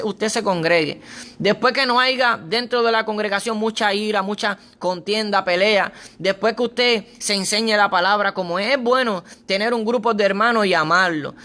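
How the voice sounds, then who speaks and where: A man delivers an earnest sermon in a high-pitched voice. His tone is bright and forceful as he reads scripture and drives his points home with repetition. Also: moderate pace. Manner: earnest, reads scripture aloud and presses points with repeated phrases. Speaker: preacher.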